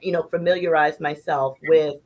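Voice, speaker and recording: A woman's voice: sits low, fairly even intonation, darkish tone, rough recording. A woman hosting a casual interview chat in a playful, slangy way. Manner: playful, slangy, drawn-out emphasis. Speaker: podcast host.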